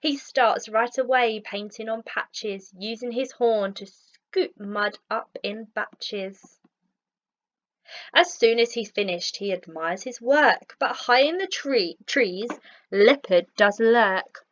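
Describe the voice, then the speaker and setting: On a lo-fi recording, a teacher with a fairly high-pitched voice narrates a rhyming picture book for children. She reads expressively at a measured pace.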